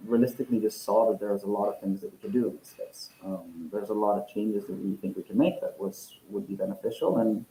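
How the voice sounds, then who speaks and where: A Norwegian man, the CEO of a tech company, is a guest in a casual interview held over a video call. His voice sits fairly low and sounds mellow, and he speaks thoughtfully, restarting and drawing out phrases. The call is echoey with slight background noise.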